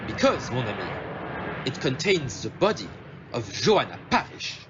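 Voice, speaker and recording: An amateur performer's take on a famous fictional detective for an audio play, shrewd and courtly. The delivery is theatrical and extremely animated, dotted with French phrases and questioning tags. The sound is slightly dull and lo-fi. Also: mid-range voice, measured pace, noisy background. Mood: grave, triumphant. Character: Hercule Poirot, courteous, shrewd, self-assured foreign male detective.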